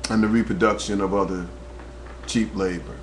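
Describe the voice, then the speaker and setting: A talk radio host from New Jersey, USA delivers an earnest, preacher-like monologue into his webcam microphone, building in intensity as he tells his own story. His voice is fairly low and steady at a normal speed, with a little hiss or hum in the audio.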